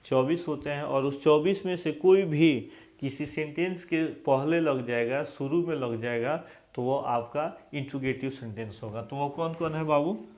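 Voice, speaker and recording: A man's voice: a little high, moderate pace, darkish tone. A male English grammar teacher with a Hindi accent, giving a classroom-style lesson and repeatedly asking questions so students answer aloud.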